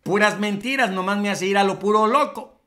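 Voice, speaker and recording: A man's voice: sits high, a little fast, a bit bright. A man with a Mexican accent voicing a busy mother who scolds and calls her son. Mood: grumbling. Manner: calling out, grumbling.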